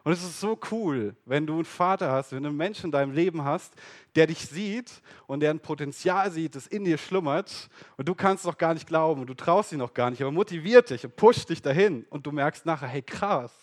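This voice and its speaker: A man preaching a casual sermon in a lively, slangy way, speaking straight to his listeners. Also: fairly high pitch, brisk.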